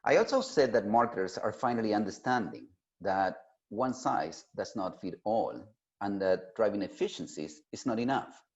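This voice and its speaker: A man delivers a prepared keynote address, speaking emphatically and deliberately with pauses for emphasis. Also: fairly low pitch, animated. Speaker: keynote speaker at an industry summit. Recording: dull, lo-fi sound.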